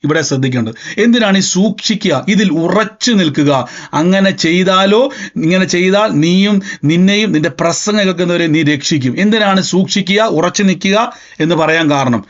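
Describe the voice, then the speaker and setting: A male pastor delivers a sermon, reading scripture and asking the congregation one rhetorical question after another. His voice sits high for a man. The recording is dull and lo-fi. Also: moderate pace. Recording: dull lo-fi sound.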